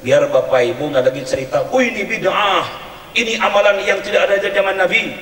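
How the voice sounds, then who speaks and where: A man preaching a sermon at a community religious gathering, speaking in an animated, humorous way and chanting verses in a sing-song tone. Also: sits high, a little fast. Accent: Indonesian. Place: community event hall or tent. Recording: echoey hall, distant mic.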